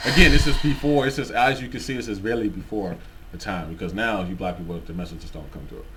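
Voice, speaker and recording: A man co-hosting a reaction video, chatting casually and in an animated, colloquial way. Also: on the low side, fast, background noise. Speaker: co-host.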